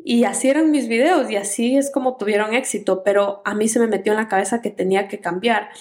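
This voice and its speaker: Calm, unhurried woman giving advice. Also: medium pitch. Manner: calm and unhurried, sometimes soft; mixes in English words. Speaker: content creator. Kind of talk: casual advice monologue.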